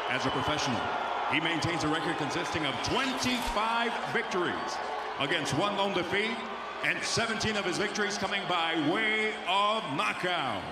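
A man announces a fight in a high, booming voice with the showy flourish of a lucha libre announcer. He stretches his words very deliberately over an echoing, noisy arena sound system. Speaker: boxing ring announcer. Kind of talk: formal ring announcement in English and Spanish. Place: boxing ring in a large indoor arena. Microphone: handheld microphone.

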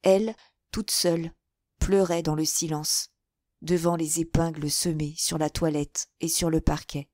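A woman reading a classic novel aloud as an audiobook, in a measured, literary narration. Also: low-pitched, fairly even intonation, darkish tone, no echo, studio quality. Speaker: audiobook reader.

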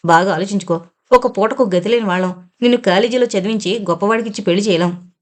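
A woman's voice: mid-range voice, lightly acted. A woman reading the part of a poor, domineering middle-aged mother who pushes and scolds as she persuades. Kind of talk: audiobook character reading.

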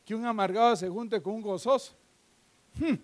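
Very high-voiced preacher man. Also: fairly even intonation, a little fast. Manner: fervent preaching with joking asides, swinging between loud and hushed. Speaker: pastor. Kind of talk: live sermon. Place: church sanctuary. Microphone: handheld microphone.

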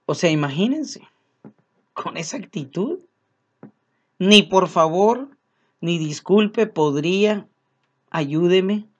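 A man's voice: sits high, lively intonation, slow, long pauses, lo-fi sound. A man preaching a sermon, earnest and repeating his key phrases as he speaks to his congregation as brothers.

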